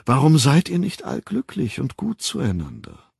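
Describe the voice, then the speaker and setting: A man voicing a gentle machine voice with a warm baritone that speaks in a tenderly reproachful, pleading tone. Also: wildly swooping pitch, measured pace, gravelly, husky, dry recording, clean studio sound, full character voice.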